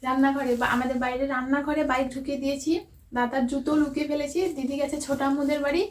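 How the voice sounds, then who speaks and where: Bengali woman vlogger, high voice, hushed and halting delivery. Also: level tone. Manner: hushed near-whisper, stumbling over words. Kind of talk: casual vlog narration.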